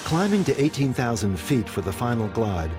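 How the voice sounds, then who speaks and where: A man narrates a documentary in a mid-pitched voice, reading from a script. Music plays clearly behind him. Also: sing-song, normal speed. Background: music bed.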